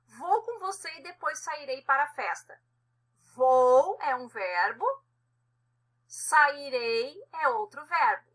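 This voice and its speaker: Woman teacher, high and sharp-toned with a husky edge, walks through grammar with frequent check-ins. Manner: explanatory, frequent tag questions. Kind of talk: grammar lesson.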